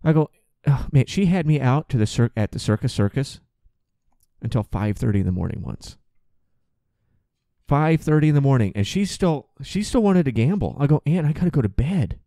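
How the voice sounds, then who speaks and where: A man's voice: medium pitch, sing-song, normal speed, gravelly, mellow, no room sound, clean studio sound. A man around forty hosting a podcast, telling stories in a chatty, profane, comic way with frequent restarts. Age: 40s. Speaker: podcast host and flight attendant. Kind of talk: casual comic monologue.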